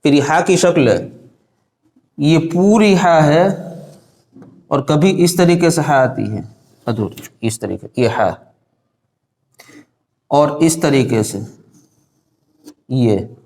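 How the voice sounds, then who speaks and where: A man teaching a children's lesson on Arabic letters, asking the same questions again and again and calling for the answers out loud. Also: fairly high pitch, takes it slowly, long pauses. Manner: repeats questions, prompts pupils to answer loudly. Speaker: Quran reading teacher.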